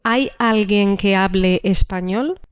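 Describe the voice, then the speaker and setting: A woman teaching a language lesson, explaining slowly and repeating each example sentence twice. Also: medium pitch, clear, resonant tone, no echo. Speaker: Spanish teacher. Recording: dull dry lo-fi recording.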